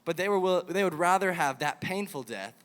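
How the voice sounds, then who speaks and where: Young male youth preacher, animated storyteller, slightly high voice, echoing hall. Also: brisk. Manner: animated storytelling, acts out the king. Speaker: youth camp speaker. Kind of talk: casual sermon to kids. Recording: hall reverb.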